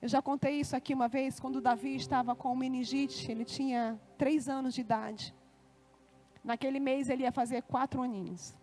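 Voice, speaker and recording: A woman's voice: sits high, steady tone, normal speed, a little mellow, soft background music. A Brazilian woman preaching a sermon in church, telling a personal story with feeling and acting out the voices in it. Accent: Brazilian Portuguese.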